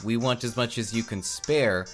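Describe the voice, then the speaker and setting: A man co-hosting a casual podcast with wry, deadpan jokes. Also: mid-range voice, normal speed, over music. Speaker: podcast co-host.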